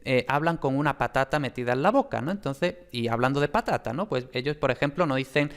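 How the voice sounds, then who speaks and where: Male teacher, explanatory lecturing voice, mid pitch, many fillers and pauses. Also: animated, creaky. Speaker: phonetics teacher.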